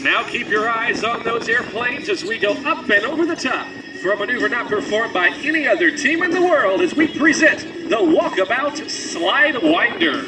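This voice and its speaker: A man announcing an airshow in scripted commentary, with a dramatic showman delivery and drawn-out phrase endings. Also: extremely high pitch, expressive. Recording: loud music, distant outdoor PA sound.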